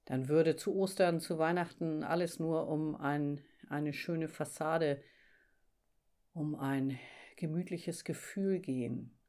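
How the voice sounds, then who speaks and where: A woman leading a church devotion with readings and reflection, speaking in a solemn, measured and deliberate way. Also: low voice, mellow.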